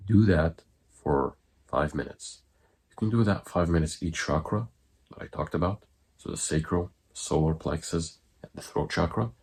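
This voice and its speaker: A man coaching viewers through an exercise in an informal, halting way, in short phrases. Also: low-pitched, gravelly, darkish tone, husky. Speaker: breathwork coach giving online guidance. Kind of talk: instructional talk to viewers.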